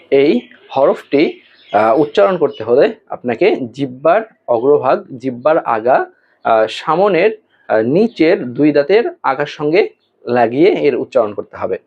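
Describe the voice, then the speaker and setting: Slow, deliberate male Quran teacher. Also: medium pitch. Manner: slow and deliberate, with hesitation fillers, drawn-out model pronunciations. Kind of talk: online Arabic letter pronunciation lesson. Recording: tinny phone-like audio.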